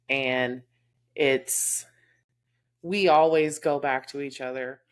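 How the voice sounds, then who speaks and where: Speaking in a low, slightly bright voice, this podcast co-host from Texas talks about friendships in a casual, heartfelt, candid way. Her Texas accent comes through, and she uses lots of fillers.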